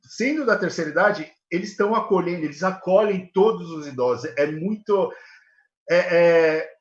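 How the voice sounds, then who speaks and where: A man, a guest in a live interview, speaking earnestly and haltingly with many fillers. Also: high voice. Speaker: guest, elder care manager. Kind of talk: live video call interview. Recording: echoey, dull video call audio.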